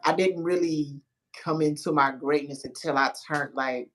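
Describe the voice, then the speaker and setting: In a casual conversation, a host talks through personal growth in an easy, unhurried, loose way, often circling back in search of words. Their mid-range voice is steady and a bit bright, and they act out their inner voice in short, emphatic bursts.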